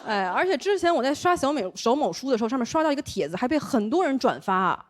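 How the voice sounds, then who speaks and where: A woman's voice: sits high, fast. A young woman from Taiwan with a Beijing accent, telling a stand-up comedy set on stage. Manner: lively storytelling with quoted voices. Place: comedy stage with live audience.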